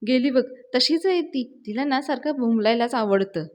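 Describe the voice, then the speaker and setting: A woman's voice: high-pitched, lively intonation, moderate pace, darkish tone. A woman voicing a boastful, teasing older village father-in-law in a sing-song manner.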